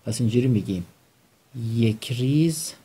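A man's voice: mid-range voice, animated, dark tone, slightly rough. A man teaching English vocabulary, quizzing his students and having them repeat each word back. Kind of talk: vocabulary lesson with call and response drills.

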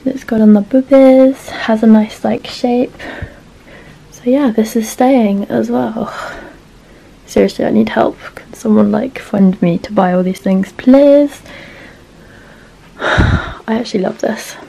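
A woman's voice: fairly high pitch, steady tone, measured pace, creaky, mellow, slightly rough, poor audio. A young British woman chatting casually to camera, self-mocking and rambling with lots of "um" and "but yeah", while trying on clothes at home. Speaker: vlogger showing a clothing haul.

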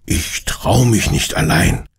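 A man's voice: deep voice, slow pace, vocal fry, breathy edge, no echo, clean studio sound, full character voice. A man voicing a flustered, sleepy man in pajamas in a children's radio play. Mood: startled. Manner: flustered and reproachful.

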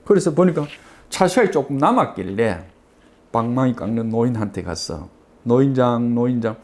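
A middle-aged man with a Gyeongsang dialect accent, giving a storytelling lecture in an animated, folksy way with many fillers. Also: medium pitch, moderate pace.

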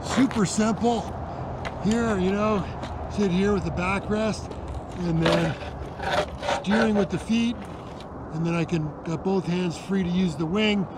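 A man's voice: high-pitched, very noisy. A middle-aged man casually showing off a homemade build outdoors on a frozen lake, talking into a nearby action camera with lots of fillers and restarts. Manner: relaxed, halting, many fillers and restarts. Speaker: DIY vlogger. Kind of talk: casual show-and-tell vlog. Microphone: action camera held close or mounted nearby.

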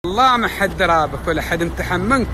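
A man's voice: sits high, lively intonation, racing, noisy background. A middle-aged man with a Gulf Arabic accent, chatting and teasing as a travel vlogger. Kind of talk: casual vlog narration.

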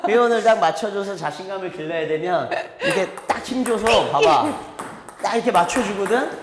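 A man's voice: sits high, expressive, brisk, a crowd in the background. A man teaching table tennis, talking animatedly and chuckling while he demonstrates strokes. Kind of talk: hands-on coaching demonstration. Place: large indoor table tennis hall. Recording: echoey hall with ball clicks behind.

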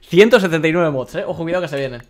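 Hosting a live game stream, a young man with a Spain Spanish accent reads viewer messages aloud. His slightly high voice moves very fast, and he's excitable, quick to laugh, and often stumbles and repeats words.

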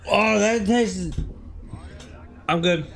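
A young man playing a video game while drunk, swearing, yelling at enemies and chatting with a friend. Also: high voice, extremely slow, gravelly. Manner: loud, profane outbursts at the game. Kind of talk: casual gaming banter.

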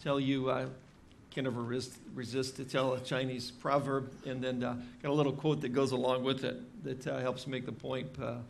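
Pastor, man in his 50s, mid-pitched, easygoing sermon delivery full of fillers, lectern mic in a church. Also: flat delivery, moderate pace, creaky, a little hiss or hum. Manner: conversational, many fillers and restarts. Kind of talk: expository sermon. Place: church stage with drum kit behind.

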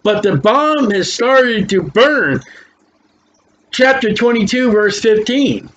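A man's voice: high voice, very animated, fairly bright tone. An older man preaching, reading scripture aloud with emphatic, folksy commentary, his s sounds whistling through dentures. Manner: emphatic, folksy asides between slowly read verses. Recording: dull lo-fi recording with faint noise.

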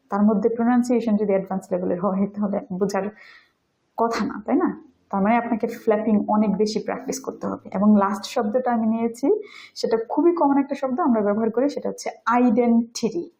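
A woman whose first language is Bengali, teaching English pronunciation in a video lesson and saying example words slowly. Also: a little high, warm tone, lo-fi sound. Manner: explains step by step, demonstrates English words slowly.

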